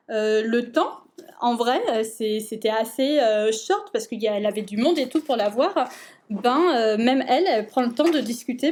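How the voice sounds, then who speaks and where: A young woman with a notably high voice talks to her viewers in a loose, excited way. She keeps tripping over fillers and restarting her sentences as she gushes. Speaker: book vlogger. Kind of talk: casual chat.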